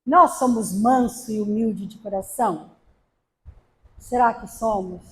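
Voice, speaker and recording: A woman's voice: medium pitch, a little slow. A middle-aged woman from Brazil giving a spiritist talk, telling stories with humor and acting out quotes. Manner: storytelling with acted quotes and humor. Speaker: spiritist lecturer. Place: spiritist center hall.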